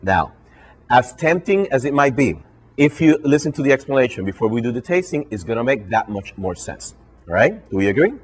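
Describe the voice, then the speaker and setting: Very animated and brisk, with a breathy edge, this mid-range male voice comes from a Puerto Rican man who grew up speaking Spanish and has a Puerto Rican accent. As brand ambassador and trainer, he gives a live bartender training to an audience in a hotel function room, finishing nearly every phrase with "all right?".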